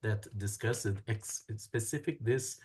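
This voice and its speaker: A man's voice: fairly low pitch, slow, a little mellow, slightly rough. Man hosting, hesitant English. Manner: hesitant, searching for words in English. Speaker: host of a study group meeting. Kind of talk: moderating an online talk.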